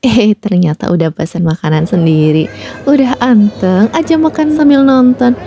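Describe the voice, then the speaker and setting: A woman's voice: mid-range voice, moderate pace, background noise. A young woman, a homemaker from Indonesia, chatting playfully in a casual vlog voice-over to other mothers. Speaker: vlogger and homemaker.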